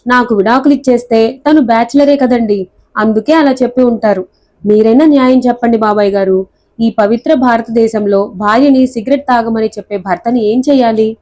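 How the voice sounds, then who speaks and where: A brisk, clever young woman who switches between scolding and mock tears, voiced by a woman reading a novel aloud. Her voice sits a little high, with a soft, mellow tone. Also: muffled recording, lightly acted. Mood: mock-tearful. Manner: sharp, scolding, theatrical pleading.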